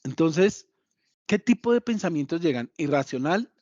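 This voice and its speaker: A man's voice: on the high side, expressive, normal speed, darkish tone, no echo, lo-fi sound. A man giving a motivational psychology lesson, repeating key points and speaking directly to his listeners.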